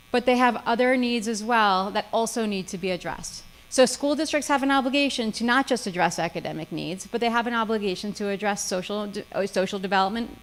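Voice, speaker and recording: A woman's voice: mid-range voice, rough recording. A woman lawyer giving a seminar lecture, with frequent "okay?" check-ins and dry sarcasm. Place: seminar room.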